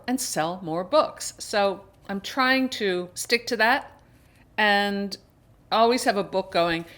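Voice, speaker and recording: In a medium-pitched, slightly bright voice, a middle-aged book reviewer and video host chats informally with her audience. She rambles on, using emphatic turns of phrase.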